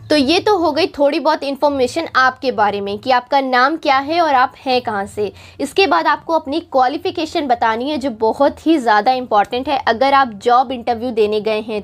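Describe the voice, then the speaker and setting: High-voiced Indian woman teaching English. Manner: slow, drawn-out English example phrases; patient, repeats points for students. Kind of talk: spoken English lesson.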